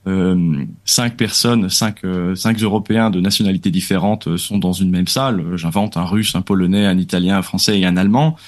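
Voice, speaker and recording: Low-voiced male guest, explanatory, halting radio talk. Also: steady tone. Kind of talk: radio talk-show discussion. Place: radio studio.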